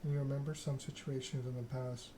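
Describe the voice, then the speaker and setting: Clicking and clear background noise accompany a medium-pitched man reading a story game aloud as ASMR. He's a video game streamer, and he speaks in a flat, deliberate way, chopping the text into short phrases.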